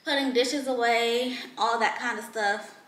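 A woman's voice: on the high side, unhurried. A young woman vlogging at home, chatting casually to her viewers about cleaning. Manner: chatty, relaxed, addresses viewers as y'all. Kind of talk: casual clean-with-me vlog chat. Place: home kitchen and living room, indoors. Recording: echoey room.

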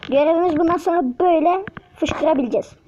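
A high-pitched woman chats and exclaims her way through casual game commentary. She cannot pronounce r, softening it into l or y. The sound is dull and lo-fi, with loud noise behind her. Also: fast. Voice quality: speech impediment, cannot pronounce r, substitutes l or y. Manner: chatty, exclaiming and muttering to self while playing. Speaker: gaming channel host.

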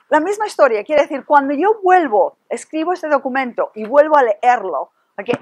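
This high-voiced, middle-aged woman presents a workshop in a classroom with a projection screen, picked up by a room camera at a distance. Lively and full of gestures, she throws rhetorical questions at the room and peppers her talk with the English fillers "ok" and "right."

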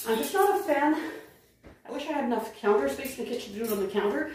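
Winded from a workout, this chatty middle-aged home vlogger talks quickly in a high, lively voice with a darkish tone, thinking aloud while she works around her kitchen and dining room. Her casual running commentary is picked up by a phone camera across the room. The result is distant, roomy phone audio with noise in the background.

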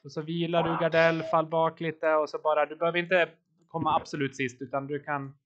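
A man with a fairly high voice coaches his riders live, cheering them on and calling out power numbers. The audio is dull and lo-fi, like a voice-chat stream. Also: flat delivery, a bit bright, slight background noise. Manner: encouraging, calls out watts and turns. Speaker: team coach.

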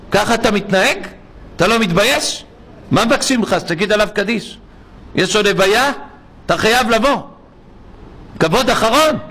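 A woman's voice: mid-range voice, a bit bright, voice pushed up. A man voicing a blunt, secular woman nurse who indignantly berates someone in a Hebrew sermon story.

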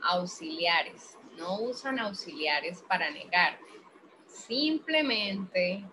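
Slow, patient Colombian teacher woman. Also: on the low side, animated, background noise. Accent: Colombian Spanish. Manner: slow, patient, questions the class often. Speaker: English teacher. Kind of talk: online class explanation.

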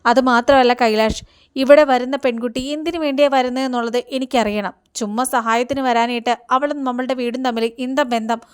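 A woman's voice: fairly high pitch, steady tone, a little fast, clear, resonant tone, close to an everyday voice. A woman voicing a proud, status-minded middle-aged mother who scolds her son in a retold serial scene. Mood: scolding.

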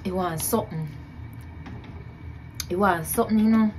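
A young Jamaican-accented cooking vlogger chats casually as she cooks in her home kitchen, her medium-pitched voice at a moderate pace over background noise. She repeats herself and laughs at her own efforts.

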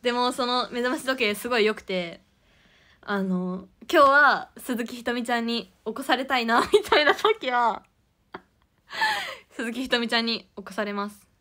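A woman's voice: on the high side, sing-song, unhurried, bright, forceful tone. A young woman hosting a casual idol livestream, giggly and chatty as she reads out viewer comments.

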